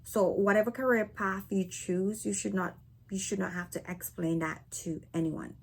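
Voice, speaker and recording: Barbadian woman, husky, chatty vlogger who tags lines with "right?". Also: medium pitch, fairly even intonation, moderate pace. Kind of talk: casual talk to camera. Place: living in North America.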